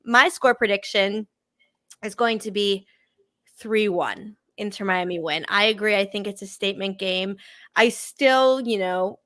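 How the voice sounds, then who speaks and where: A woman's voice: medium pitch, a little slow, fairly bright tone, no room sound. A woman, hosting a casual live sports stream, upbeat and chatty, full of "you know" and "like". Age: 20s. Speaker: sports show host.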